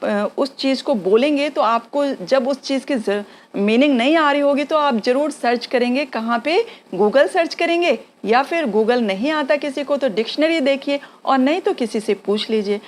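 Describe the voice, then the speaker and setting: Woman, English tutor; slow, higher-pitched, drills phrases patiently. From India. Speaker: English teacher. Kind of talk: spoken English lesson.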